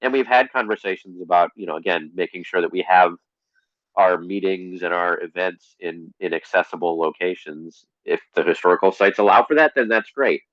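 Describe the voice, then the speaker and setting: A man speaking as an interview guest in a relaxed, conversational way, with a dry, deadpan humor. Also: low-pitched, normal speed, dry recording, muffled recording. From Connecticut, USA.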